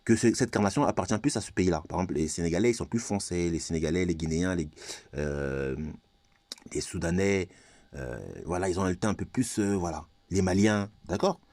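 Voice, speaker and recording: A man's voice: deep voice, fairly quick, a little mellow, no echo. A man from Congo ranting in a vlog monologue, confrontational and repetitive, firing rhetorical questions. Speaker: vlogger.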